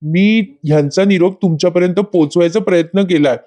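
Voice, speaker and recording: A man's voice: sits high, a little fast, warm tone, natural voice. A man voicing a middle-aged aunt who nervously passes on a message. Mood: apologetic.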